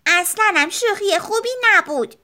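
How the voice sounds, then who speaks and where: A woman's voice: very high-pitched, pushed and bright, voice pushed up. A woman voicing a little schoolgirl who speaks earnestly and plaintively. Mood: indignant. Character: little schoolgirl, hurt but standing up.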